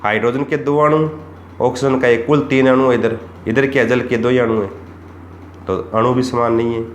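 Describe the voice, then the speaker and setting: A man's voice: medium pitch, steady tone, moderate pace. A man teaching chemistry for exams, asking rhetorical questions and repeating the key points. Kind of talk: exam-prep lesson. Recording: echoey room with faint background noise.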